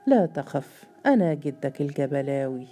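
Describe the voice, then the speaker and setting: An ancient giant of a grandfather speaks calmly and solemnly out of the dark, as a woman reads him. The tone is low and very warm. It is read from a storybook. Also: normal speed, soft background music.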